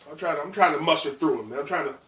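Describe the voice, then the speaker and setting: Podcast host, man, high bright voice, nasal from a cold, joking and slangy, echoey room, sits back from the mic. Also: very fast, recorded from a distance. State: congested with a winter cold. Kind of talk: casual chat.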